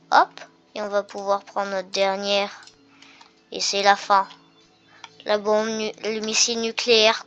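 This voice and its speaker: Hosting a gaming video, a woman tests things in the game while chatting casually and thinking aloud with fillers. Her mid-range voice is fairly bright, clear and resonant, and game music plays behind her.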